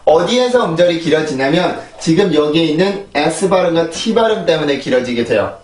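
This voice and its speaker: A man gives an online pronunciation lesson in a fairly high voice, explaining step by step and repeating practice words in sets. The room rings with a noticeable echo, and he sounds set back from the microphone. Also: lively intonation, a little fast, recorded from a distance, a little hiss or hum. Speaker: English pronunciation teacher. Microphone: shotgun mic on a phone.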